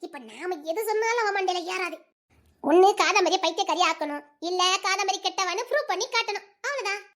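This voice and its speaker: A woman's voice: very high-pitched, a bit bright. A woman voicing a scheming young village woman who plots persuasively, with a Tirunelveli Tamil accent. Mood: plotting. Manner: fast, persuasive, conspiratorial. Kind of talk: Tamil serial drama dialogue.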